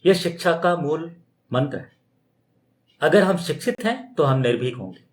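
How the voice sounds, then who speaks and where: A man with a fairly high voice gives a loose, conversational spiritual talk. He keeps posing rhetorical questions and slips into mimicking other people's objections. The recording sounds roomy and echoey. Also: lively intonation, normal speed. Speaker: spiritual teacher. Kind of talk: extempore spoken talk. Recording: roomy echo.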